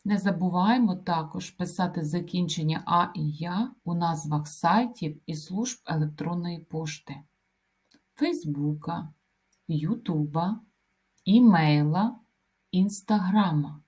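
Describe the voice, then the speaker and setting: A woman teaching a grammar lesson, reading out lists of example words one by one in a deliberate, dictation-like way. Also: fairly low pitch, darkish tone. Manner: slow, deliberate dictation-like delivery.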